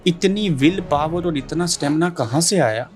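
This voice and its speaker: A man's voice: on the high side, moderate pace, a little mellow. Male interviewer with pointed questions.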